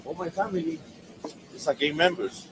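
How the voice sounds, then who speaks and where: Halting Mexican-accented man on a noisy roadside. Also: a little high. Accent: Mexican Spanish. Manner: halting broken English, many restarts. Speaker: driver stopped by police. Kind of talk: roadside questioning. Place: outdoors by a roadside.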